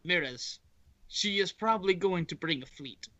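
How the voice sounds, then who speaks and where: A man's voice: high voice, animated, normal speed, bright, forceful tone, no room sound, muffled recording. A man playing a captain in a casual tabletop game, laughing often, swearing and talking over the others. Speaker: player voicing a captain. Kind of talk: casual tabletop role-play.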